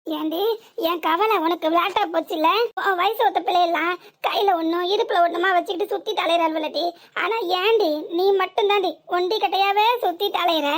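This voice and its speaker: A woman doing a cartoon village mom with a southern tamil nadu accent, nags and scolds her daughter nonstop, voice way up high. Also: fairly even intonation, brisk. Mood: scolding. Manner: nagging, exasperated scolding. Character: scolding worried middle-aged village mother. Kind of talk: cartoon comedy dialogue.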